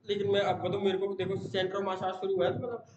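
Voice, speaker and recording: A young student vlogger talks in a rambling, casual way, leaning on fillers and tag questions. His voice sits a little high. The recording is dull, with room echo and steady background noise. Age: young adult. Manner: says he talks fast, in one breath. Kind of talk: casual daily study vlog. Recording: echoey room, dull sound, noisy background.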